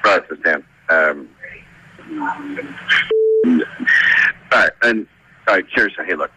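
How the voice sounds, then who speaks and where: A man's voice: low-pitched, sharp tone, slight background noise, poor audio. Drunk man on a played-back voicemail. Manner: rambling, halting, full of fillers. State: drunk, slurring. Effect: answering machine voicemail playback. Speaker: caller leaving a voicemail.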